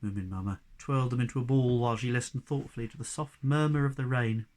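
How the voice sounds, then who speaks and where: A man, a primary school teacher, reading a children's storybook aloud in an expressive way. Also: mid-range voice, quick pace.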